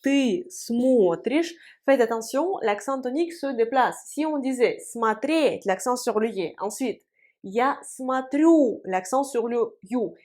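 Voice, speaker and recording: A woman language teacher giving a video lesson, explaining carefully and repeating each word slowly for practice while writing on a board. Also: a little high, dark tone.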